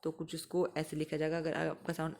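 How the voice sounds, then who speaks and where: A young woman teaching exam students, explaining and slowly repeating example words. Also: low voice, completely flat delivery, gravelly, darkish tone. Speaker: English teacher for exam prep. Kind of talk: explanatory lesson.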